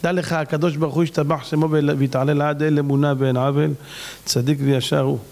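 High-voiced rabbi giving a dramatic sermon. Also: male voice, little pitch movement, a little mellow. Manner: dramatic, exclaiming, swings in pitch. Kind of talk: emotive storytelling sermon.

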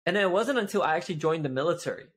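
A Malaysian man in his twenties chats casually as a guest in an interview over a video call from a home office lined with shelves. His voice is on the high side and rapid-fire; he is animated, gestures with both hands, and tags many remarks with "right?"

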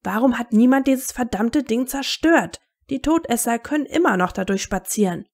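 A woman voicing a hot-tempered teenage boy wizard who shouts and swears in agitation. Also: medium pitch, moderate pace, breathy edge. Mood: furious.

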